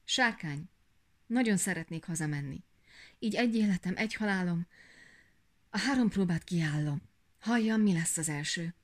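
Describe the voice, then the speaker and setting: A woman's voice: lowish voice, animated, pauses often, close to an everyday voice. A woman voicing a proud young princess, humbled and eager to go home. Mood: eager pleading.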